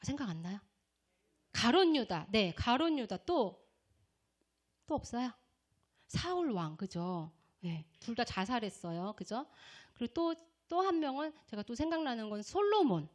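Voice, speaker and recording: Delivering a revival sermon at a measured, sing-song pace, a woman missionary speaks emphatically. She poses questions to the congregation, supplies the answers herself, and mimics shouting voices in a high pitch.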